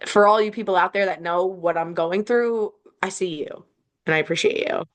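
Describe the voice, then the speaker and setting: Animated ranting young woman podcaster. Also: on the low side, moderate pace. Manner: animated, exasperated ranting with swearing. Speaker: podcast co-host. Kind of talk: casual chat, ranting. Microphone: home recording, on camera.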